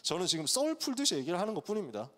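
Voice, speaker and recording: A male pastor preaching to college students, telling the story in a lively way and acting out its characters' voices. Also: sits high, rapid-fire. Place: church sanctuary. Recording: long church hall reverb.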